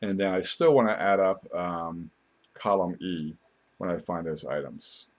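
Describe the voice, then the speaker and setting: Low-voiced male software instructor. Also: unhurried, a little hiss or hum. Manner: informal, unscripted explaining. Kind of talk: step-by-step screen tutorial narration.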